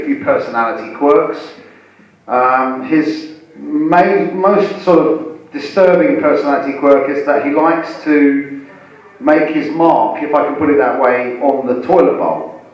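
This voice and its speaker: A man in his forties hosting live stand-up, talking haltingly with repeated words as he chats to the audience. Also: fairly high pitch, dull audio. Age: 40s. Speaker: stand-up comedian and host. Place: indoor comedy venue. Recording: echoey live room, distant mic.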